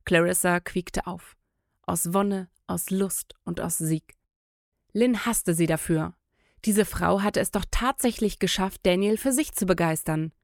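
A woman narrating an audiobook in a measured, intimate storytelling manner. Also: lowish voice, vocal fry, dry recording, studio quality.

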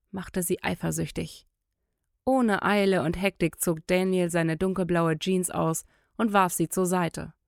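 A woman narrating an audiobook in a measured, intimate storytelling manner. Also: lowish voice, darkish tone, dry recording, studio quality.

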